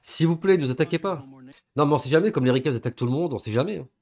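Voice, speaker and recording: Slangy young man with lively pitch. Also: racing. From southern France, Gard area. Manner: slangy, excitable, laughing asides. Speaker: reaction video host. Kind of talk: casual reaction commentary.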